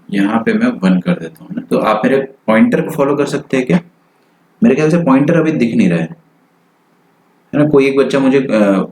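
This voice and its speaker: A man teaching maths in a live online lecture, working problems out loud in Hindi-English and checking in with students with frequent tag questions. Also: medium pitch, poor audio. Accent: Indian. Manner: thinks aloud while solving, mixes in English phrases.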